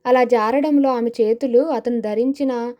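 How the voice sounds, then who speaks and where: A woman narrating a horror suspense audio novel in a steady, dramatic storytelling manner. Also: on the high side, measured pace, dull audio.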